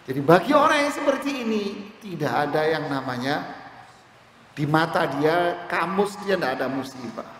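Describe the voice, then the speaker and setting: A man preaching to a congregation, telling stories and acting out both sides of short conversations. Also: fairly high pitch. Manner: lively storytelling, acts out dialogue, slow and emphatic. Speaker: Islamic preacher. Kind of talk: sermon. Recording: echoey hall with faint noise.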